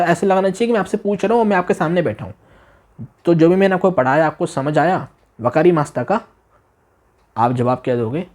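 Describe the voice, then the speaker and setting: A man teaching a beginner language demo class, repeating phrases slowly, asking the listener questions and exaggerating his tone to show meaning. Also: a little high. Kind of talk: demo class lesson taught in Hindi.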